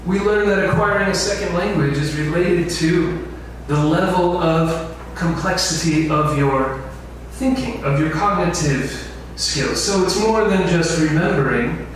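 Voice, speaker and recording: A man teaching an info session lecture speaks in a slightly high voice, unhurried and with hardly any pauses, regularly asking the class questions. Captured from afar in a big, echo-filled lecture hall, the recording carries faint noise.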